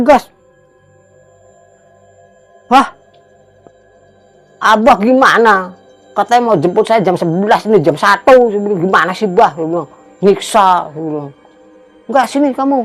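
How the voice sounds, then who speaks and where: A man telling a host about his own experience, emphatic and dramatic, jumping between loud outbursts and hushed murmurs. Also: sits high. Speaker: guest recounting a personal experience. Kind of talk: animated storytelling to a host.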